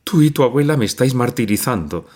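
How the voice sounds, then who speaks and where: A man reading a storybook aloud and voicing a frightened middle-aged mother who speaks in a hurried, anxious way. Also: mid-range voice, big pitch swings, a little mellow, voice pushed up. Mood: sobbing. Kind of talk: audiobook reading.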